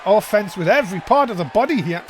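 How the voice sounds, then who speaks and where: A man calling a wrestling match play-by-play as a commentator, in an excitable, exclaiming manner. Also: high-pitched, quick pace. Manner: excitable, exclaiming at big moves. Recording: loud crowd noise behind commentary. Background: noisy crowd.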